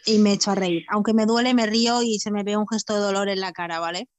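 A woman's voice: medium pitch, steady tone, quick pace, dry recording. A woman from playing a tabletop role-playing game, weary and swearing in character. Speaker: player.

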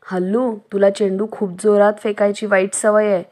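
A woman's voice: medium pitch, flat delivery, normal speed, darkish tone, lightly acted. A woman voicing a small, fussy young male rabbit who talks breathlessly, complaining in a raised voice. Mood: breathless complaint.

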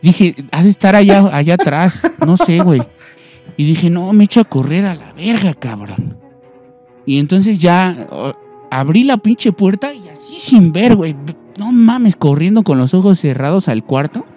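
A man's voice: high voice, unhurried, soft background music. A young man with a Mexican accent casually telling a scary story among friends, acting out voices with lots of slang. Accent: Mexican Spanish. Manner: animated, acts out voices and screams, heavy slang. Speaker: storyteller guest.

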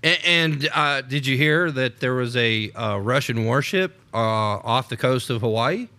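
A man's voice: medium pitch, expressive, unhurried, bright, forceful tone. An American man co-hosting an unscripted political podcast, rambling with many repeated starts and laughs. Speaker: podcast co-host.

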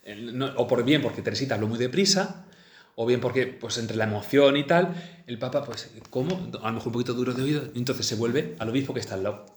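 Male storyteller; mid-pitch, casual asides, roomy echo on the recording. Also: quick pace. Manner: chatty, many fillers and restarts. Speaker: speaker on a saint's life. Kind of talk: storytelling talk mixing reading and comment.

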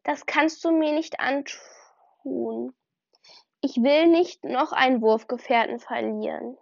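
Woman doing an angry young house tomcat, huffy, high pitched, lo-fi audio. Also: slow, gravelly, dry recording, heavily acted. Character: hot-headed young male house cat.

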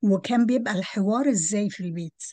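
A woman interviewer speaks conversational Egyptian Arabic. Her voice is soft-edged and mellow, recorded dry with very little room sound. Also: mid-range voice, racing, dry recording.

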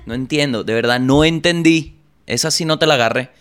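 A man's voice: a little high, fairly quick, clear, resonant tone. Joking Venezuelan man hosting a podcast. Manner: joking, animated storytelling with voices. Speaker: podcast host. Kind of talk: comedic monologue.

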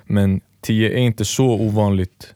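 A man's voice: on the low side, steady tone, warm tone, smooth, no echo, studio quality. A man co-hosting a podcast, casually telling a long story and acting out both sides of the dialogue. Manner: rambling storyteller, acts out quoted dialogue. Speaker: podcast co-host. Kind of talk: casual chat.

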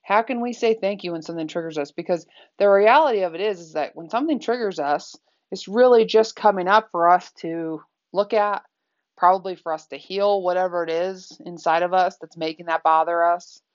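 A woman's voice: on the low side, a little fast, muffled recording. A woman speaking candidly in a reflective personal talk, conversational and full of fillers.

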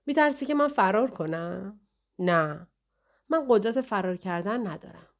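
A woman's voice: mid-range voice, animated, natural voice. A woman reading the part of a frail, confused young woman who has lost her memory, speaking hesitantly and pleadingly in an audiobook.

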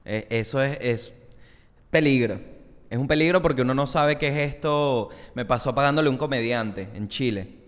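Laid-back comedian. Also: male voice, medium pitch. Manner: laid-back, chimes in with quick agreements. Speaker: comedian guest. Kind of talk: casual chat. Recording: reverberant room.

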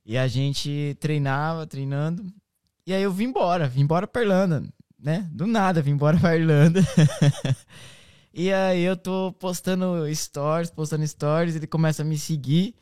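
A man with an interior São Paulo Brazilian accent hosts a casual, chatty podcast in a cracked, reedy voice, hoarse from shouting. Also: on the high side, moderate pace, no echo, clean studio sound. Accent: Brazilian, interior São Paulo state. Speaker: podcast host.

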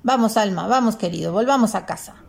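Un abuelo mayor, bravo y protector, que se burla y desafía con voz áspera, interpretado por una mujer que lee un cuento. Habla con calma pesada y tono oscuro. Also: female voice, mid-range voice, a little fast, vocal fry, close to an everyday voice. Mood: tierno. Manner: defiant, mocking, then tender. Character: gruff older grandfather, fierce and protective.

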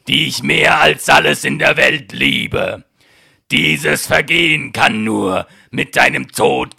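A man's voice: medium pitch, vocal fry, sharp tone, breathy edge, voice pushed up, full character voice. A man voicing a stern, imperious monstrous beast in a storybook, with a thunderous, snorting voice. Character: furious monstrous Beast, commanding and menacing.

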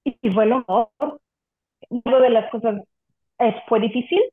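A woman's voice: on the high side, fairly even intonation, moderate pace. A woman guest giving an earnest, emotional personal testimony of faith in an interview. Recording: echoey room on a tinny phone-like line.

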